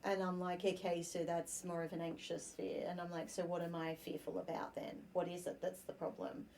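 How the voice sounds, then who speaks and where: A woman with a fairly low voice talks through ideas in a relaxed podcast conversation. She is lively and acts out snippets of her own thinking as little quoted scenes. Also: fairly quick, gravelly, slight background noise. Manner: animated, acts out quoted inner dialogue. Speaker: podcast host. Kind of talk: casual conversational chat.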